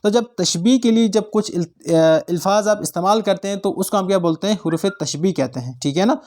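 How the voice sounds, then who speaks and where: A man's voice: sits high, fairly quick, darkish tone. A man teaching an exam-prep grammar lesson, often asking students check questions and repeating definitions for them to memorize. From Jammu and Kashmir. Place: online class channel.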